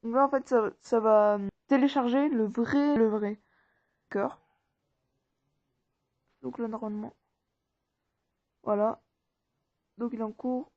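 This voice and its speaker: A woman's voice: on the high side, slow pace, pauses often, a little mellow. A woman talking viewers casually through an app tutorial step by step, informal and rambling. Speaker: tutorial maker. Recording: dull, dry lo-fi recording.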